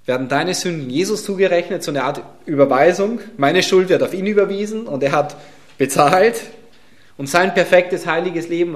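A German-speaking man preaching a sermon. He repeats phrases for emphasis and swings from loud declarations to hushed near-whispers. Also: on the high side.

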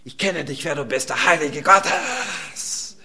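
A man's voice: on the high side, big pitch swings, slow, bright, forceful tone, heavily acted. A man crying out as a panicked shrieking demon. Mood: panicked shouting. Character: screaming male unclean demon, panicked.

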